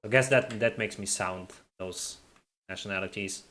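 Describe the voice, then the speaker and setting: During a casual livestream, a man with a fairly low voice chats at a moderate pace while playing a game. His R sounds are made in the throat, and he stays laid-back, reading chat and replying as he goes.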